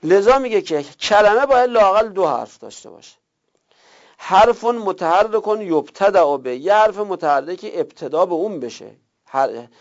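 Gravelly-voiced man teaching grammar, lo-fi. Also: high-pitched. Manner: reads Arabic text aloud then explains it in colloquial Persian. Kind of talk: seminary-style grammar lesson. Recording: dull lo-fi recording.

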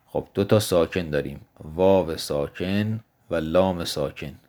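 A man's voice: sits low, warm tone. A man teaching Arabic grammar in a recorded lesson, patiently explaining and answering his own questions. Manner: slows down to spell out example words.

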